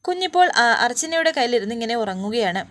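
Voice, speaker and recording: High-voiced woman retelling a story. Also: lively intonation, normal speed, fairly bright tone. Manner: casual, with restarts and fillers.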